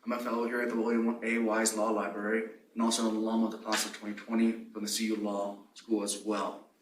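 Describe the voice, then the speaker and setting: A man's voice: on the low side, completely flat delivery, fast talker. A young man giving an informal instructional presentation as a library fellow, his voice muffled by a face mask. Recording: roomy, distant mic, faint noise, mask-muffled.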